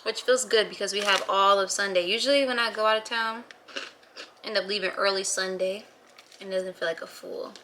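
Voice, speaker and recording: A woman chats playfully to her camera in a small indoor rental. Her voice is bright and forward, bubbly and full of laughs. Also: mid-range voice, steady tone, a little fast, slight background noise. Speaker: travel vlogger. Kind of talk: casual chat. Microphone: camera mic, talking to camera.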